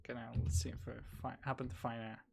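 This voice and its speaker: Rapid-fire and medium-pitched, with vocal fry and slight roughness, a streamer who isn't a native English speaker chats hesitantly while gaming. He stays relaxed, leaning on fillers as he talks.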